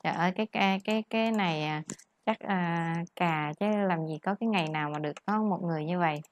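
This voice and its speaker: In a tutoring lesson on word stress, a woman with a lowish voice speaks fast, explaining patiently and mixing in English words. The recording has no echo.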